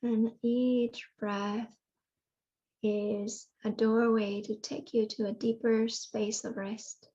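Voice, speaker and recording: The woman here is a yoga nidra teacher leading guided relaxation, her husky, mellow, dark voice holding a level tone with very little pitch movement. She soothes in slow phrases separated by long pauses, and the audio's highs are cut off.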